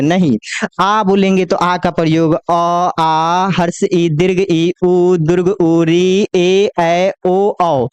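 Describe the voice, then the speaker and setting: A man teaching Hindi grammar in a coaching class, who asks the class questions, answers them himself and draws the letters out slowly as he lists them. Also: high-pitched, darkish tone, smooth, no room sound. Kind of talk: classroom lecture.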